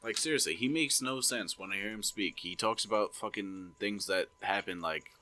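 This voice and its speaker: A young man co-hosting a podcast, talking in a brash, profane way with quick jokes, a bit tipsy. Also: fairly low pitch, sharp tone. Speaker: podcast co-host. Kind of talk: casual chat.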